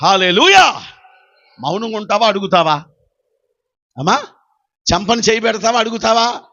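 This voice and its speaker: A male pastor preaching a sermon, teasing the congregation and rising to shouted exhortations. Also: high voice, moderate pace, dull audio.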